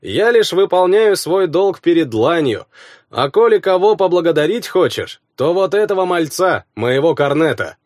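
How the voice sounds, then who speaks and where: A man's voice: on the high side, sing-song, normal speed, a little mellow, no echo, clean studio sound, pitched above the performer's own voice. Man doing a brusque commanding baron. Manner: curt orders, gruff. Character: commanding middle-aged male baron, brusque.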